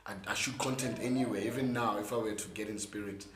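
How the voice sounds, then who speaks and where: A young man with a South African accent and a hoarse, worn voice, chatting casually in an interview with emphatic, repeated words. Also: on the low side, steady tone, fast talker, a loud crowd. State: hoarse from gigs the day before. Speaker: interview guest, content creator and musician. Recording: echoey room with faint background noise.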